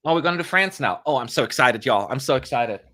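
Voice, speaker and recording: Bright-voiced and full of playful jokes, a young man hosting a live stream delivers relaxed commentary, his pitch rising and falling widely. He stays animated and chatty, tossing quick side remarks to the people watching.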